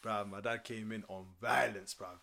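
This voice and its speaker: A man's voice: on the low side, fairly even intonation, moderate pace, gravelly, sharp tone. A man in his early twenties with a London roadman accent, telling stories in casual street slang and repeating phrases for emphasis. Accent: London roadman, multicultural London English. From London, born in or brought from Nigeria. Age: early 20s. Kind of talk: casual chat, animated storytelling.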